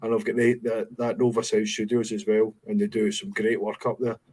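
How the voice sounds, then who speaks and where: A man's voice: lowish voice, brisk, rough recording. A Scottish man hosts a casual music podcast. He chats in an easygoing way, circling back with fillers and restarts as he thinks aloud. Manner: relaxed, hesitant, lots of fillers. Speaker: podcast host. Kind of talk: casual chat.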